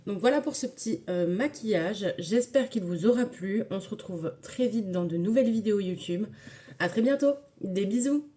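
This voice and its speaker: Woman, warm mellow tone, casual makeup tutorial chat, hesitant fillers, enthusiastic. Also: medium pitch, animated, normal speed. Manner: chatty, filler-heavy, enthusiastic about products.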